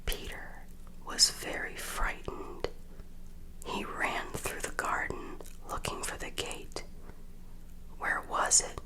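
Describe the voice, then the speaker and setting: A woman reading children's stories as ASMR in a breathy, unvoiced whisper, with a gentle, deliberate delivery meant for falling asleep. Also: rough recording. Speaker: storyteller reading children's tales.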